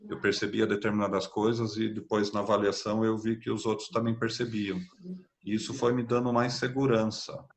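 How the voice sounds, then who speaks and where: Patient Brazilian man teaching, low voice. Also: level tone, brisk. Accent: Brazilian Portuguese. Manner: explanatory, frequent tag questions, patient. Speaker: spiritist course teacher. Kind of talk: online class lecture.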